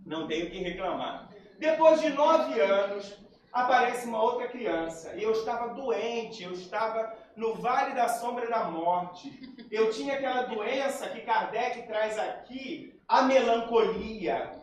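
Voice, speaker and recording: A high-voiced man gives a spiritist talk to a gathering. He tells his own story and acts out the lines of the people in it. The recording is very echoey, and he sounds far from the microphone. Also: expressive, unhurried, slight background noise. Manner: personal storytelling, acts out quoted dialogue. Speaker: spiritist lecturer. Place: lecture hall. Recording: very echoey hall, far from mic.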